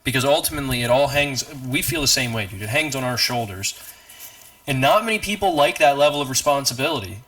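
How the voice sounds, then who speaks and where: A man's voice: medium pitch, animated, fast talker, fairly bright tone. A man co-hosting a casual podcast, blunt, profane and cynical. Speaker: podcast co-host. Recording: distant from the mic.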